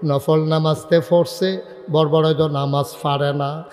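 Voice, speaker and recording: A man preaching a humorous sermon story, sing-song and bursting into shouts. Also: a little high, flat delivery, a little slow, soft background music. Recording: echoey hall with long reverb.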